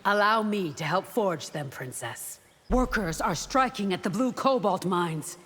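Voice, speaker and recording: An actress delivers fighter intro dialogue for a fantasy fighting game, playing a loyal, solemn, steely royal guard warrior woman who is formal and resolute. Her medium-pitched voice has lively intonation, a slightly slow pace, and a fairly bright tone, recorded in an echoing hall with clear background noise.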